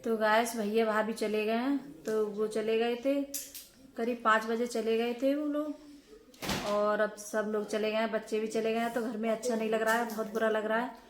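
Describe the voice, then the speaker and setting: A young woman narrating her own home vlog in a casual, unhurried way, with lots of filler words. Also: fairly high pitch, steady tone, a little hiss or hum. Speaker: home vlogger.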